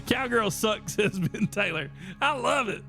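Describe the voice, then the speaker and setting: Man, high pitch, bright tone, casual podcast host, music under. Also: a little slow, vocal fry. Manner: energetic, reads chat aloud. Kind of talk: casual livestream chat.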